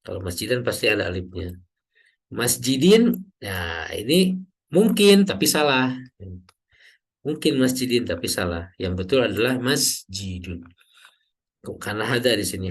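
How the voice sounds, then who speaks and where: Man, Arabic grammar teacher, online class, slow deliberate delivery, drawn-out example words. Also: medium pitch, husky. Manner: slow, drawn-out teacher's explanation with frequent "ya" checks.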